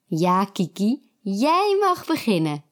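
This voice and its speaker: A woman's voice: medium pitch, big pitch swings, slow pace. A woman voicing a kind, cheerful green bookworm who helps a girl. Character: kind green bookworm, a young girl's friend.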